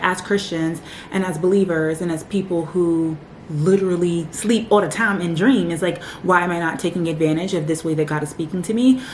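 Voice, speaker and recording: A woman's voice: fairly low pitch, darkish tone, roomy sound, slight background noise. A young woman in her twenties chatting casually to camera for her vlog, leaning on lots of "like" fillers. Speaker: vlogger. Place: home.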